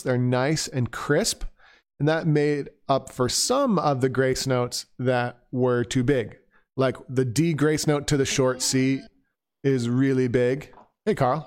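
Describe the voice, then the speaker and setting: A man's voice: medium pitch, clean tone. A man giving a casual spoken critique of a bagpipe performance as an instructor. He is conversational and digressive, thinking aloud as he goes.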